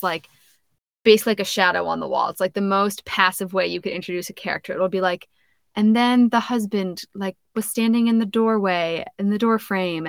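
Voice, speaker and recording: Chatty young woman, gravelly edge. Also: medium pitch, a bit bright, no echo, clean studio sound. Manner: chatty, many "like" fillers, laughs often. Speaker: podcast co-host. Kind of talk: casual book discussion.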